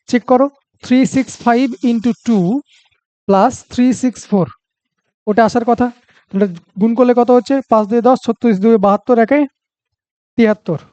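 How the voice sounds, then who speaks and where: A man's voice: high voice, mellow, smooth, no echo, lo-fi sound. A man with a Bengali accent teaching a reasoning lesson for exam prep, talking through each step aloud and checking that students follow.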